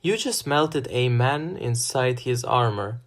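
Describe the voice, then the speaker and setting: A man's voice: mid-range voice, animated, slow. A man voicing a sarcastic teenage boy who turns panicky.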